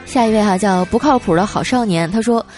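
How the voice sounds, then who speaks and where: A woman's voice: medium pitch, fairly quick. A woman hosting a radio-style show, reading listener jokes in a playful, teasing storytelling manner. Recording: music bed underneath.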